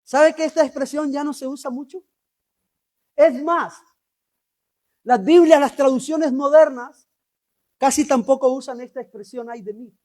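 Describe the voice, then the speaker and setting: A man preaching a sermon as pastor, animated and asking the congregation questions. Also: very high voice, unhurried, pauses often.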